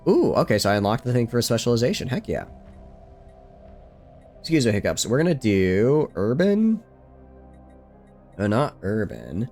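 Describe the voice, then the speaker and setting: A man streaming a strategy game late at night at home, talking quietly in a rambling, self-joking way. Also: sits low. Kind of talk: casual gameplay commentary.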